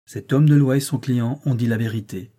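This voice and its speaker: A man voicing a proud, brooding nobleman with a forceful, impassioned delivery in an audiobook reading. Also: medium pitch, a little fast, close to an everyday voice. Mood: bitter. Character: brooding proud older nobleman, bitter and defiant.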